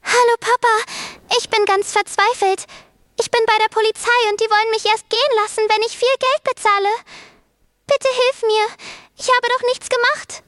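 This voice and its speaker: A woman's voice: fairly even intonation, moderate pace, fairly bright tone, no echo. A desperate little girl. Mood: desperate pleading. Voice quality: synthetic computer voice, very high and childlike. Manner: pleading, slightly off emotional tone. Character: desperate young girl pleading for money.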